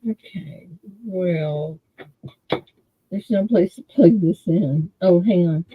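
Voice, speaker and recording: A woman chats slowly and ramblingly on a video call. Her voice comes through muffled and dull, as if heard through a wall. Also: lowish voice, slightly rough. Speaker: livestream co-host. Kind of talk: casual chat on a video call. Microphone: computer mic on a video call.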